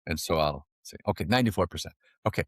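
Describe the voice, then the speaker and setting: A man's voice: deep voice, quick pace, no room sound, clean studio sound. A man, a financial advisor guest on a podcast, telling stories with jokes and laughing at his own lines. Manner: animated, jokey storyteller who laughs at his own lines. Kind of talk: storytelling podcast interview.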